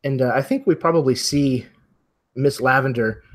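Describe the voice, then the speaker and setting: Speaking at a medium pitch, a man runs the game as its master, improvising the story and telling players what to do. His phrases are short and measured, with pauses between them.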